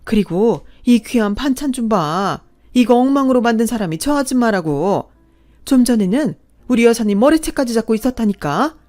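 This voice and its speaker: In a natural, slightly mellow voice on the high side, a woman portrays a wealthy middle-aged woman who is fiercely protective. She speaks expressively at normal speed, indignant and issuing orders.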